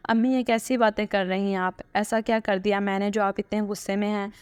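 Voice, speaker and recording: A woman's voice: medium pitch, little pitch movement, fairly quick, clean tone, close to an everyday voice. A woman voicing a young male doctor who is teasing and devoted, in a read-aloud story. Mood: pleading. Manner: teasing, coaxing.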